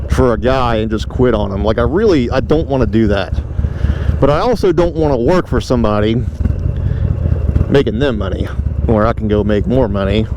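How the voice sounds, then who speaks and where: A young man rambles casually and slangily to his viewers from inside a motorcycle helmet as he rides, telling stories in a laid-back way over loud engine and road noise. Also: medium pitch. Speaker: motovlogger. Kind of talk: casual rambling monologue while riding. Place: outdoors on a moving motorcycle. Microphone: mic inside helmet.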